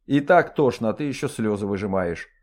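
A man's voice: fairly low pitch, expressive, fairly quick, natural voice. A man voicing a coarse young noblewoman who scolds her servant bluntly. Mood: scolding. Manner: gruff scolding.

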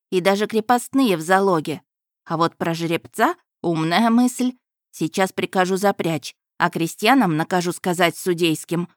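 A woman's voice: on the low side, no echo, studio quality, natural voice. A woman voicing a cold, calculating older noble mother in a storybook reading.

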